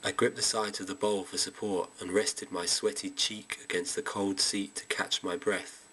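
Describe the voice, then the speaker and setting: A man reading a first-person story aloud in a steady storytelling manner. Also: low voice, normal speed, slight background noise, low-quality recording. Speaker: reader. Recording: amateur home reading.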